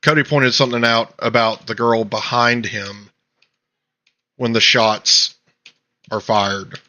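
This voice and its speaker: A male podcast host delivering casual political commentary in a bright, forceful voice. He rants emphatically, piling up clauses and restarting mid-thought. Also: medium pitch, steady tone, slow. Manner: emphatic, ranting, trailing restarts.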